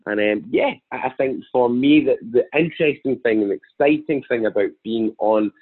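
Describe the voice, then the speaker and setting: A man's voice: mid-range voice, moderate pace. A thirty-year-old man with a broad Scottish accent from Glasgow, talking conversationally as a podcast guest. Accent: broad Glaswegian Scottish. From Glasgow, Scotland. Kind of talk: conversational interview, telling own story. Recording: thin, phone-like remote call audio.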